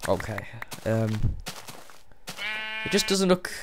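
A young man commentating his own gameplay, talking to himself and the game in an excitable, silly way. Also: fairly low pitch, slow pace. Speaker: Let's Play gamer. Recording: noisy home mic recording.

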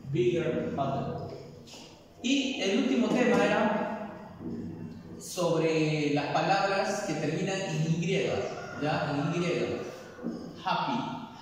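A man's voice: on the high side, slight background noise. A man teaching English in a classroom, patiently explaining and checking understanding with frequent tag questions. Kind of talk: classroom lesson. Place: echoey classroom. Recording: very echoey hall, voice from far off.

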